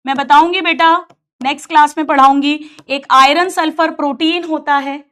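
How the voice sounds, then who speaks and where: A woman with a high voice teaches a biology lesson to her students. She tells it as a lively story and turns the science into little arguments between characters. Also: moderate pace. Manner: animated, acts out quarrels between characters, addresses students as beta. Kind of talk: storytelling lesson in Hindi with English terms.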